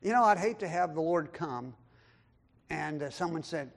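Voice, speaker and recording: Here the pastor's very high voice carries vocal fry as he preaches animatedly at an ordinary speed. Scripture is quoted aloud, and his emphatic style swings from loud, high declarations to soft, low asides, with occasional impressions of what others said.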